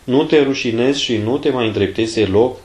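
A man voicing an older abbot, stern yet fatherly, who speaks in measured, admonishing words in a storybook reading. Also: medium pitch, darkish tone, reverberant, close to an everyday voice.

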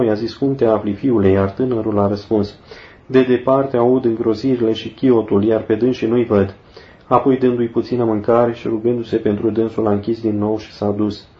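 Solemn male reader for a saint's life, mid-pitched, steady pace, muffled lo-fi sound. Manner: solemn, measured, slows for prayers. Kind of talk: devotional scripture-like reading. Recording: dull lo-fi recording.

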